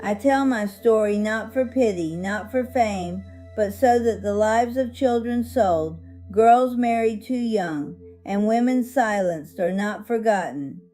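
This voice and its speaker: A woman voicing a dignified, hopeful 101-year-old survivor, narrating her life story in a solemn, earnest, measured way over music. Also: mid-range voice, mellow, close to an everyday voice. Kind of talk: scripted first-person life-story narration.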